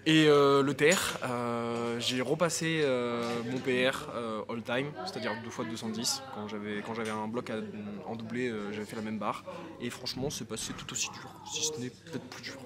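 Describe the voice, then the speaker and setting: A man with a hoarse, worn-out voice chatting casually about his training session, with plenty of fillers and gym slang. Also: mid-range voice, normal speed. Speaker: powerlifter filming a training vlog. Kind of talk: casual post-workout vlog chat. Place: busy indoor gym. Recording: loud crowd noise in a gym. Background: loud crowd cheering in the gym.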